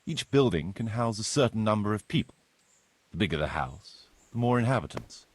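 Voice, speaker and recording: Playing a courteous, businesslike medieval village steward in a video game, a man explains duties formally and at a measured pace, sounding helpful and matter-of-fact. His slightly husky, fairly low voice has a sing-song quality, with a little hiss or hum in the recording.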